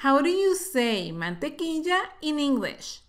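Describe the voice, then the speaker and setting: Slow, carefully drilling woman teacher. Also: high voice, sing-song. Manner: repeats each word slowly and clearly, then explains briefly. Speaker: English teacher. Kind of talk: slow, drilled pronunciation lesson.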